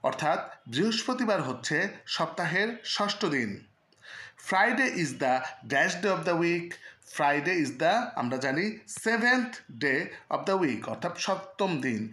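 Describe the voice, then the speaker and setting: A man teaching a recorded English lesson, slowly reading English phrases and explaining them in Bengali. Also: fairly high pitch, sharp tone, roomy sound. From Bangladesh.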